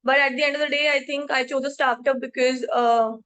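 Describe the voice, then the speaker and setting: A woman's voice: sits high, steady tone, a little fast, fairly bright tone. A woman in her twenties with an Indian accent, answering interview questions about her career in an articulate, self-assured way. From Jaipur, India. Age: 20s. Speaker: podcast guest, accountancy trainee.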